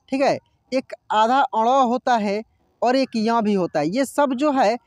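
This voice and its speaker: A man teaching a Hindi lesson, explaining patiently and reading each word slowly twice for learners. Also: very high-pitched, darkish tone, dry recording, studio quality. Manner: slow drawn-out reading of words for learners; explanatory, repeats words twice.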